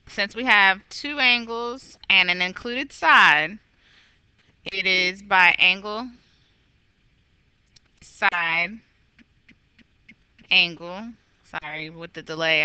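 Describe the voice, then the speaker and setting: A woman's voice: medium pitch, bright, forceful tone, smooth, dry recording, poor audio. A woman teaching a recorded geometry lesson, walking through problems patiently and correcting herself aloud. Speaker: math teacher.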